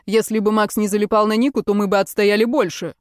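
A woman's voice: mid-range voice, steady tone, fast talker, dry recording, studio quality, close to an everyday voice. A woman voicing a sulky young male basketball player who grumbles his complaints. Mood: grumbling.

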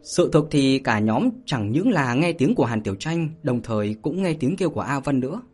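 A husky male narrator reading an adventure novel in a steady storytelling voice, slipping in small fillers. Soft music plays faintly beneath him. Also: medium pitch, a little fast. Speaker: audiobook narrator. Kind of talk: martial arts novel read aloud.

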